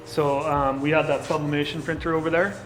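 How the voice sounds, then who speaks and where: A middle-aged man from Saskatchewan, Canada, a co-founder and designer, speaks briskly in a voice on the high side during a documentary interview. He's relaxed and casual, using many filler words like "like," and the rough recording has music playing underneath.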